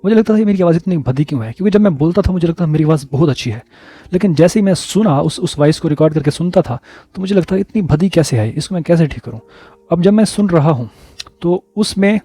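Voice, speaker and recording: A man telling personal stories in a casual vlog, relaxed and repeating words for emphasis. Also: a little high, no echo. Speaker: vlogger.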